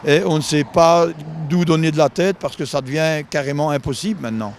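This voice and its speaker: A farmer talks plainly and colloquially. His voice is somewhat high, with faint noise behind him. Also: steady tone, a little fast.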